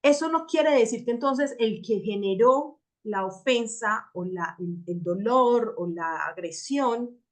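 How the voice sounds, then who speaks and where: A woman's voice: a little high, slow, hardly any pauses. A woman teaching a personal growth workshop, talking reflectively and often checking in with her listeners. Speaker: workshop facilitator.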